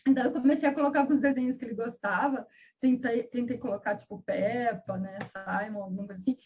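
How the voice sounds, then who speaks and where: Woman, fast chatty storytelling, breathy husky voice, dull lo-fi video call sound. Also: fairly high pitch, steady tone, faint music behind. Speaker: interview guest, mother. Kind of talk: casual interview chat.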